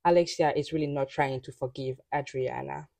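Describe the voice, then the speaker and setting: A woman with a low, mellow voice hosts a casual commentary podcast. She talks bluntly and opinionatedly. The sound is dry and the mic sits a little away from her. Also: steady tone, normal speed, creaky, no room sound, distant mic. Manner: opinionated, blunt, rising to exasperated outbursts. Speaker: podcast host.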